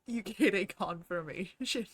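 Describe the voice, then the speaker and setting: Bright-voiced woman game master. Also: mid-range voice, expressive, takes it slowly, poor audio. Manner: laughs easily, teasing rulings. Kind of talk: running a tabletop game. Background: faint background music.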